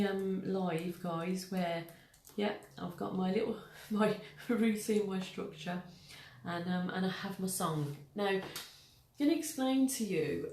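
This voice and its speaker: A woman's voice: lowish voice, darkish tone. Chatty woman in an echoey room. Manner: chatty, laughing, many fillers. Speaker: host reading poetry. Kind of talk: casual live-stream chat and poem reading.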